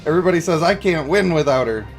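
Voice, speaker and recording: A man with a slightly high, expressive voice talks fast while hosting a game livestream, music playing behind him. He chats casually, reads and answers viewer comments, and lays out his opinions conversationally, often checking whether viewers agree.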